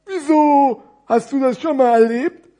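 A man voicing a thick, slow-witted scarf gift in a storybook tale, asking naive questions and mixing up words. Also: very high-pitched, warm tone, pitched above the performer's own voice. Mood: curious.

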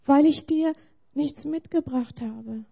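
A woman voicing a shy eight-year-old boy in a story she tells during a sermon, pitched higher and often whispering. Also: takes it slowly, creaky, dark tone, full character voice. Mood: eager.

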